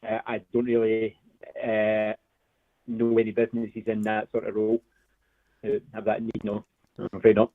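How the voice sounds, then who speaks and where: A man's voice: fairly low pitch, completely flat delivery, normal speed, pauses often, dry recording. A man taking a cold sales call over the phone, polite and hesitant with frequent ums. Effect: heard over a phone line. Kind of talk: casual phone conversation. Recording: tinny dry phone line.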